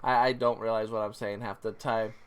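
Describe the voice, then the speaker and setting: A man's voice: on the low side, level tone, a little fast, clear, resonant tone. Man, livestream co-host, casual chat, easygoing, jokey, rambling, tired. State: tired, ready for bed. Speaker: live stream co-host and vlogger.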